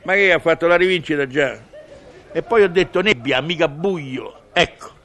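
This man's voice is a little high and fairly bright, moving at a moderate pace. He's a comic monologist with a Roman accent, musing humorously in a colloquial, conversational, wry dialect monologue.

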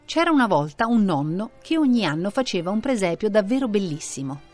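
A woman narrating a traditional children's story in an expressive reading voice. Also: medium pitch, brisk, soft background music.

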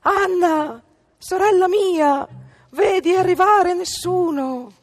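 A woman voicing a terrified young wife, high and desperate. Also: normal speed, no echo, studio quality.

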